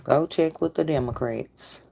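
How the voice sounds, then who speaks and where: A woman's voice: low-pitched, unhurried, gravelly, mellow. A woman hosting a casual livestream, talking back to her chat in a sassy way. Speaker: livestream host.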